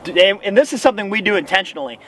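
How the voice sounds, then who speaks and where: High-pitched man giving emphatic hunting instruction. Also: sing-song, very fast, a bit bright. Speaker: goose-calling instructor and hunter. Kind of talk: casual instructional talk to camera. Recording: outdoor hum and faint vehicle noise.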